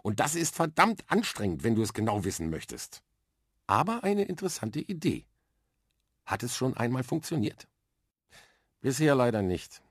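A man's voice: mid-range voice, big pitch swings, normal speed, long pauses, slightly rough, no echo, clean studio sound, pitched above the performer's own voice. A man voicing an earnest, shy young boy in a children's radio story, a little defensive.

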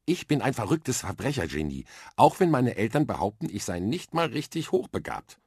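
A man's voice: medium pitch, big pitch swings, normal speed, darkish tone, slightly rough, no room sound, studio quality, pitched above the performer's own voice. A man voicing a bold, impatient and chatty young girl in a children's radio story, cheeky and self-assured.

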